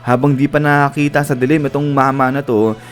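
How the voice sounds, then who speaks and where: A man's voice: medium pitch, flat delivery, fairly quick, close to an everyday voice. A man doing a meek eyeball monster. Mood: grumbling. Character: timid glowing-eyed monster, apologetic.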